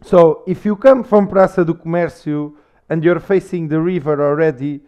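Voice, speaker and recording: Portuguese guy being interviewed, smoothish higher voice, easygoing rambling, bit muffled audio. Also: normal speed. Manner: relaxed, meandering explanations with fillers. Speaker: guest. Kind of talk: casual conversational interview. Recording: slightly muffled podcast audio.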